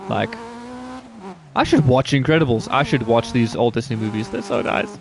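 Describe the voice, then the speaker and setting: A man streams a rally game and rambles to his chat in an easy, off-the-cuff way, dropping the odd curse. His voice sits at an ordinary pitch. A loud car engine and game sounds run underneath the whole time. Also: animated, normal speed, noisy background. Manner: rambling, laid-back, swears casually, chatting with viewers. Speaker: gaming streamer. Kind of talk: casual live-stream chat while playing.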